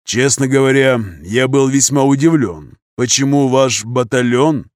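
A man's voice: medium pitch, a little slow, darkish tone, no echo, natural voice. A man as a dry, ironic army colonel.

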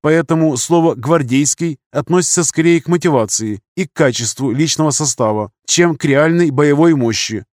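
A man's voice: a little high, normal speed, few pauses, a little mellow, no room sound, studio quality, pitched above the performer's own voice, lightly acted. A man voicing a young male English officer who speaks formally and pedantically, like a lecturer. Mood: lecturing.

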